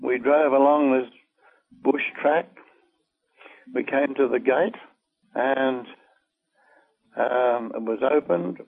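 Older male interviewee, slow and gravelly, halting recollection, tinny phone-like recording. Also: medium pitch. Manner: slow, halting storytelling with many fillers. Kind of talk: oral history recollection.

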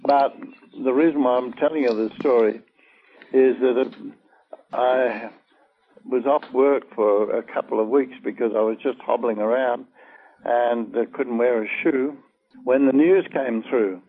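An older man telling a long personal story in an oral-history interview, halting and full of fillers. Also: medium pitch. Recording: tinny phone-like old recording.

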